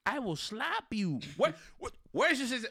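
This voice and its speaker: A man's voice: very high voice, very animated, normal speed, gravelly, sharp tone, no room sound, studio quality. A man in a casual, profane chat, ranting insistently in street slang and repeating his phrases.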